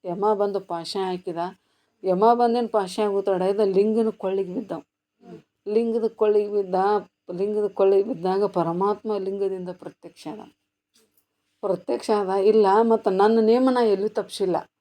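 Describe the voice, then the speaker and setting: A woman preaches at a devotional gathering, telling a story and answering her own questions. Her delivery swings between hushed passages and loud, emphatic ones. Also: mid-range voice, steady tone, a little slow. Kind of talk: devotional sermon. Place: ashram gathering.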